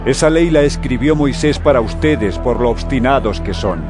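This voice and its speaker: An actor playing Jesus in an audio drama, a solemn, authoritative yet gentle male teacher speaking in measured phrases. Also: medium pitch, music in the background, lightly acted. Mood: firm teaching.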